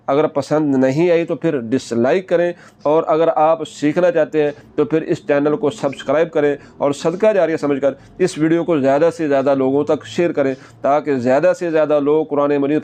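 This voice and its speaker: A man teaching Quran recitation, patiently repeating each word slowly many times and correcting common mistakes. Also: on the high side, dark tone. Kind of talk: tajweed lesson.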